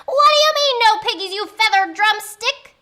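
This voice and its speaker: A greedy, bossy witch from a children's storybook, shrieking very high in a sharp, forceful voice. She hurls insults and demands with wild swoops of pitch. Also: big pitch swings, moderate pace, exaggerated voice. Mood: furious, demanding. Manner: screeching, shouting, bossy, insulting. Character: greedy, hot-tempered cackling witch hunting pigs.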